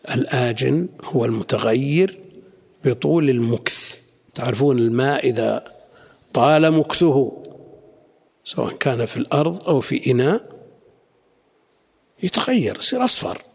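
Gravelly, husky sheikh teaching. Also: male voice, mid-range voice. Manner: explanatory, questions students, quiet asides. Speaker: sheikh teaching a classical text. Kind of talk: classroom lesson explaining a text.

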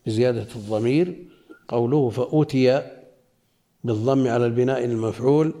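A man teaching a lesson, slowly reading a classical religious commentary aloud and explaining it in plain spoken asides. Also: medium pitch, mellow.

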